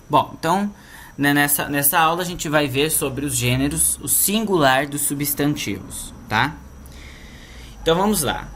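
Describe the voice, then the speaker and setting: A man's voice: mid-range voice, a bit bright, slight background noise. A man with a Brazilian Portuguese accent, teaching a language lesson online and explaining patiently, often checking in with his listeners.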